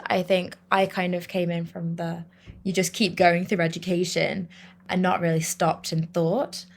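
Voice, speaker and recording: A young adult woman hosts a podcast, chatting casually with her guest in an enthusiastic way with lots of fillers. Her voice is on the low side and gravelly.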